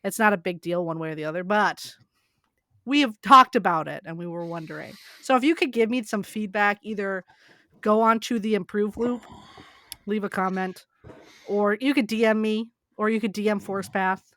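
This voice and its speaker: A woman's voice: mid-range voice, moderate pace, a bit bright, dry recording. A woman co-hosting a podcast in casual, rambling chat that trails off now and then. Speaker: podcast co-host.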